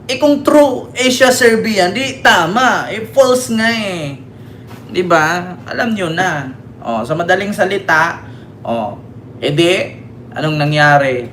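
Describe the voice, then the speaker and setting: A man's voice: sits high, lively intonation, slow pace, fairly bright tone, slight background noise. Taunting Filipino political vlogger, man. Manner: taunting, keeps asking "di ba?", swears. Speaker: political vlogger and livestream host. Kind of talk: mocking political commentary.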